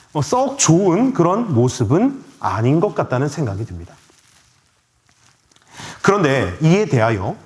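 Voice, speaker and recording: A male pastor preaching a sermon in a church, asking the congregation questions and answering them himself. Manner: acts out quoted voices with big pitch swings. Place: church sanctuary.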